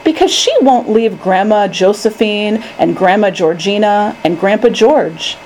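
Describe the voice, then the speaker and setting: A woman voicing an eager, earnest little boy in a storybook, breathless and excitable. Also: mid-range voice, unhurried, a little hiss or hum, natural voice, rough recording. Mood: sad.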